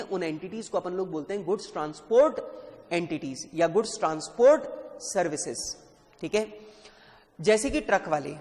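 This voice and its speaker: A man tutoring accountancy students in a classroom lecture, lively, quizzing the class and addressing them as children. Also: sits high, long reverb tail. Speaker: CA exam tutor.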